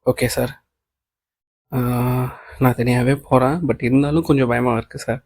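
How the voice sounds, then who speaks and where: A man's voice: mid-range voice, steady tone, normal speed, a little mellow, dry recording, close to an everyday voice. A man reading the lines of a young woman employee, anxious and overjoyed, in an audiobook of a novel, naming the speaker before each line. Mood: grateful.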